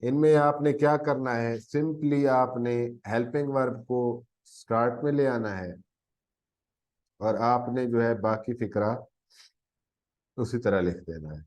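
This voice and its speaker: A man's voice: mid-range voice, measured pace, darkish tone, rough recording. A man with a Pakistani Urdu accent teaching a grammar lesson, often coughing, correcting himself and checking in with "theek hai ji". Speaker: English teacher. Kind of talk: grammar lesson explaining tenses.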